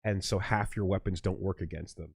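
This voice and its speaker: Guy doing a lets play, lowish voice, dry close mic, casual and opinionated, swears a bit. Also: steady tone, fairly quick, vocal fry, slightly rough, no echo. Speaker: let's play host. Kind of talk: casual gaming chat.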